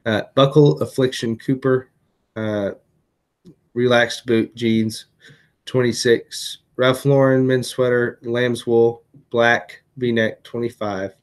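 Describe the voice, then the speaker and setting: A tired eBay reseller vlogger, hiccuping late at night, chats through the items he resold. He talks slowly in a medium-pitched, level voice, filling his speech with fillers and frequent restarts.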